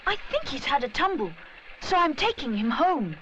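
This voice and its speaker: A woman's voice: sits high, very animated, moderate pace, fairly bright tone, slight background noise, pitched above the performer's own voice. A woman voicing an eager, kind and curious young boy bear for a children's cartoon story, earnest and full of exclamation.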